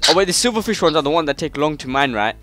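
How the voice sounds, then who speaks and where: A man's voice: fairly high pitch, very animated, rapid-fire, fairly bright tone, faint music behind. A British man hosting a gaming channel, chatting casually through gameplay with friends and yelping when startled.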